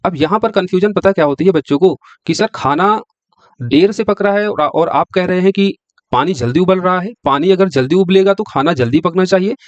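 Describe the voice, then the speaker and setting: Brisk and high-voiced, a man lectures on science to prepare students for exams, posing questions to the class and supplying the answers himself. There's no room sound; the audio is dry, a little dull and lo-fi.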